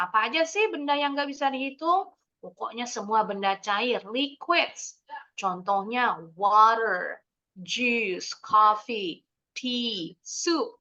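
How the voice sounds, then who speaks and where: A young Indonesian woman teaching English to children in a video call, explaining with lively, sing-song questions. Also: medium pitch. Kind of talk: online kids' English lesson. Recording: dull lo-fi video call audio.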